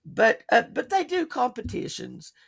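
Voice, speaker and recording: Gravelly, husky woman chatting animatedly. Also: fairly high pitch, measured pace. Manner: chatty, animated, laughs often. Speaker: podcast co-host. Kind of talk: casual chat.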